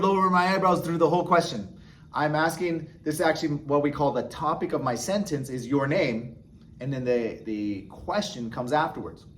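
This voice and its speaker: Guy teaching a beginner class, kinda high voice, chatty, keeps going "okay? right?". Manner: encouraging, chatty, frequent "okay?" and "right?" checks. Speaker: sign language teacher. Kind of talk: casual instructional explanation.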